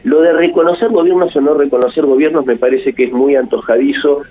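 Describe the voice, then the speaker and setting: A man's voice: fairly high pitch, a little fast, a little hiss or hum. Argentine male radio guest, opinionated and hesitant, heard through a thin AM radio phone line. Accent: Rioplatense Argentine Spanish. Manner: opinionated, thinking aloud with frequent hesitations. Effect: phone-line voice heard over AM radio. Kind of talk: radio interview commentary. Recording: tinny narrowband phone line.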